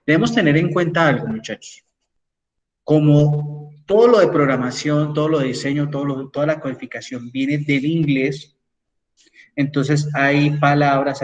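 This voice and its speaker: A male lecturer walks his students through a lesson, often checking that they follow. His voice sits a bit high and sounds set back from the mic. The recording is dull and lo-fi. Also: recorded from a distance. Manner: explanatory, frequent "¿sí?" checks with students. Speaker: engineering lecturer. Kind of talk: online class with screen sharing.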